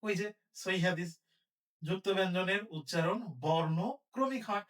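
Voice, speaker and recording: A man with a high voice teaches an online lesson, breaking words slowly into syllables and asking his students question after question. He sounds set back from the microphone. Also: a bit bright, distant mic.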